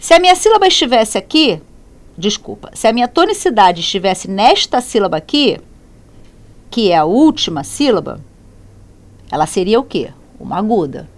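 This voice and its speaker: A woman teacher explains accent rules to her class. Her voice sits at a middle pitch and jumps around a lot. She asks questions, answers them herself and corrects her small slips along the way. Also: big pitch swings, normal speed. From Brazil. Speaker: Spanish teacher. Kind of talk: classroom lesson explaining grammar.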